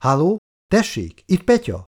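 A man's voice: high voice, huge pitch swings, voice pushed up, heavily acted. A man voicing an earnest, lovestruck young soldier who talks apologetically and defensively in an audiobook. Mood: eager.

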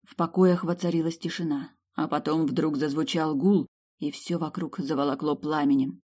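Give me a measured audiobook narrator reading a first-person fantasy novel. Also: medium pitch, fairly even intonation, a little mellow. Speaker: audiobook reader.

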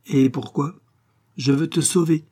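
A man reading the part of a worldly, commanding society woman in an audiobook, talking briskly and knowingly. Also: on the high side, steady tone, mellow, pitched above the performer's own voice.

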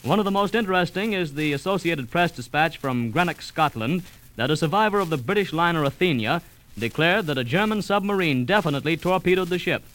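A man reading a 1939 radio news bulletin in a formal, measured way. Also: on the high side, animated, a bit bright, low-quality recording. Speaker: news announcer.

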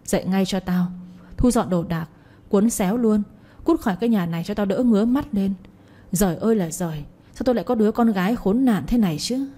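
A woman's voice: medium pitch, a little fast, dark tone, husky, lightly acted. A woman putting on a shamed old father. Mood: raging. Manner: begging neighbor, then bellowing at daughter. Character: ashamed older father, pleading then raging.

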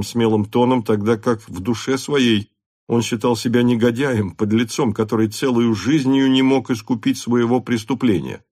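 A man's voice: mid-range voice, darkish tone, no room sound, clean studio sound. Man reading a classic novel aloud. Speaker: audiobook narrator. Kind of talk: literary audiobook narration.

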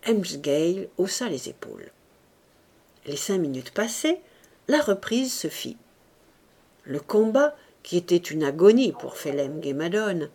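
A woman narrating a classic novel as an audiobook in a deliberate, expressive reading. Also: lowish voice, husky.

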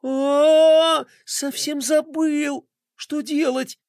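A flustered young boy who exclaims and frets in a high, bouncy voice, as a man puts him on. The storybook reading is dry and close, with no room sound. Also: expressive, very slow, fairly bright tone, no room sound, heavily acted. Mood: panicked. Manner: exclaiming and fretting.

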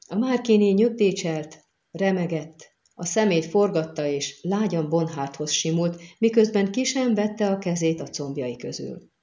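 A woman narrating an audiobook in a measured, dramatic manner, in a dull, lo-fi recording. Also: low voice, dark tone.

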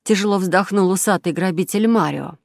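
A woman narrating a children's audiobook in a lively storytelling manner, acting out each character. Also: medium pitch, brisk, creaky, no echo, clean studio sound.

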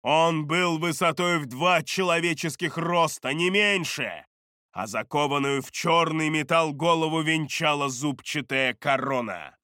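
A man narrating a dark fantasy audiobook in a measured, deliberate way on a close studio mic. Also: a little high, no room sound.

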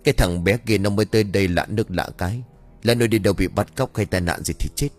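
A man voicing a frantic father who talks in an urgent, commanding way and shouts. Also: fairly low pitch, fast talker, natural voice. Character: frantic father searching for his son.

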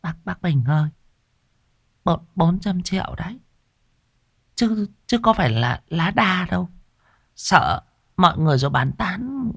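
A man's voice: high-pitched, very animated, measured pace, creaky, long pauses, a bit bright, slightly rough, no room sound, studio quality, pitched above the performer's own voice, full character voice. A man doing a stammering, whispering village woman. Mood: anxious.

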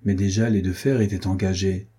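Male audiobook narrator, husky and mellow, measured delivery. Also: deep voice, steady tone. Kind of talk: scripted narration of a classic novel.

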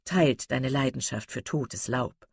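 A woman reading an audiobook voices a sensible young woman who speaks in a measured, gently chiding way. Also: very deep voice, slightly rough, dry recording, studio quality, pitched below the performer's own voice, heavily acted. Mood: dry. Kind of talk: audiobook character voice.

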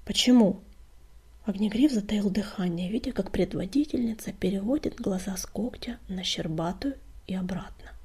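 A woman reading an animal adventure story aloud in a soft unvoiced whisper. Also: mid-range voice, moderate pace, few pauses, husky. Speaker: audiobook reader.

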